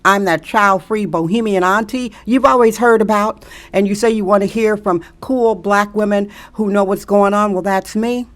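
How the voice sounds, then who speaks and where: A woman's voice: medium pitch, fairly even intonation, moderate pace, hardly any pauses. A middle-aged woman from Wisconsin giving an emphatic, preachy monologue to camera, repeating rhetorical questions to press her point. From Milwaukee, Wisconsin. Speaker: social media commentator.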